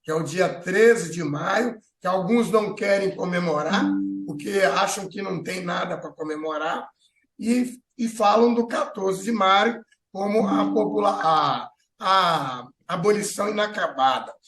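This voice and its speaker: A man's voice: high voice, measured pace, a bit bright, roomy sound. A Brazilian man hosting a political talk show, giving his opinions while thinking aloud with many fillers and restarts.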